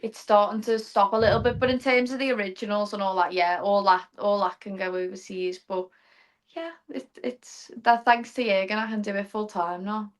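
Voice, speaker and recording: A woman's voice: medium pitch, fairly even intonation, normal speed. Young woman, podcast guest, chatty and eager storyteller, mid-range voice. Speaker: guest artist. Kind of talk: casual podcast chat.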